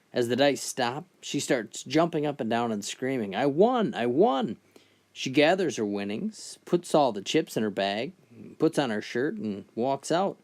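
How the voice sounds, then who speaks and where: A man's voice: mid-range voice, no echo. Casual male joke storyteller. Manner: casual, steady storytelling with "well" openers. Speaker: joke teller.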